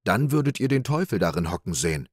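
A man's voice: sits low, very animated, fast talker, breathy edge, no room sound, clean studio sound, full character voice. A man voicing a sly, cheerful young peasant trickster in an audiobook fairy tale, in an eager, persuasive manner.

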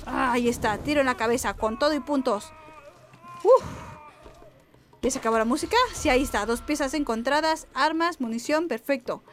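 Young woman gamer, high and excitable, chatting to viewers and enemies. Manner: chatty, excitable, talks back to game characters. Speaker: gaming YouTuber. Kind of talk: let's-play commentary. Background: game music.

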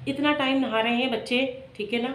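A woman's voice: on the high side, fairly even intonation, fairly bright tone. Woman retelling a loss in an echoey room. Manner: emotional, halting retelling with many restarts. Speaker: vlogger. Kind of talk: personal storytelling. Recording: echoey room with faint noise.

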